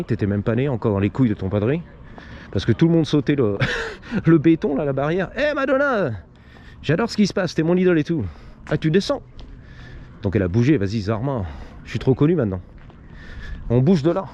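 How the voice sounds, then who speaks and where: A man's voice: mid-range voice, dark tone, highs cut off. A man giving slangy, joking running commentary on a motorcycle ride through city streets, talking into a helmet mic. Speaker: motorcycle vlogger. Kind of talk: casual vlog commentary while riding. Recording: traffic and wind noise outdoors.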